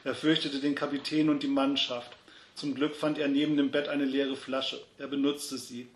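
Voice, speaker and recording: A man reading a story aloud, shouting the characters' angry lines when they come up. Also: mid-range voice, flat delivery, normal speed, reverberant. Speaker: reader.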